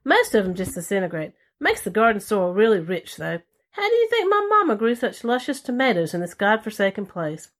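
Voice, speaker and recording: A woman's voice: mid-range voice, wildly swooping pitch, fairly quick. A woman doing a wry aunt. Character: knowing older Southern aunt, wry and worldly.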